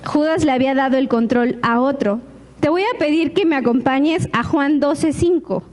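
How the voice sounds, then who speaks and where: A woman pastor, preaching a lively sermon to her congregation with frequent rhetorical questions. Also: high voice, normal speed, a little hiss or hum.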